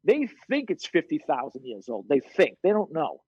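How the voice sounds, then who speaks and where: A man who works as a fitness coach, telling stories as a podcast guest in a blunt, profane, animated way. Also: a little high, normal speed, breathy edge, dry recording, muffled recording. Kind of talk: casual interview storytelling.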